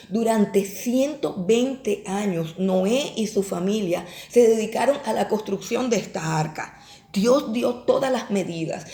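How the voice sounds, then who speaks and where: A woman preaches a Bible lesson with a gravelly edge to her mid-pitched voice. She drives her points home by repeating phrases and posing rhetorical questions. The sound carries the echo of a roomy space. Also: darkish tone. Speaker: Bible teacher. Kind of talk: sermon. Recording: echoey room.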